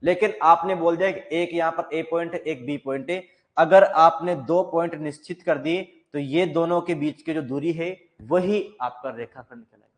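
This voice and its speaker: A male maths teacher talks through a lesson in a fairly high voice. He explains each point step by step and often asks the class a question before he answers it himself. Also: moderate pace. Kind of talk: classroom lecture.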